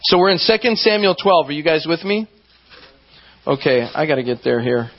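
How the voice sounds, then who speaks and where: A man with a somewhat high voice preaches a sermon, talking to his congregation conversationally and checking in with frequent questions. The recording sounds dull and lo-fi. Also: animated, moderate pace.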